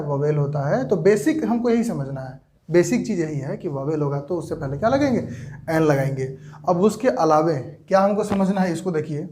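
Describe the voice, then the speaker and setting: With a notably high, darkish voice and a Jharkhand Hindi accent, a man teaches English grammar to a class. He asks rhetorical questions and answers them himself, slowing down and stretching key words for emphasis.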